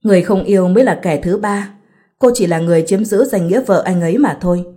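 A woman's voice: medium pitch, fast talker, dark tone, lightly acted. A woman voicing a defiant, scornful mistress who speaks with a cold, cutting delivery.

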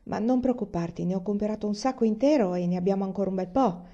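A woman playing a calm pioneer father, reassuring, warm mellow voice, dull recording. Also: mid-range voice, quick pace, lightly acted.

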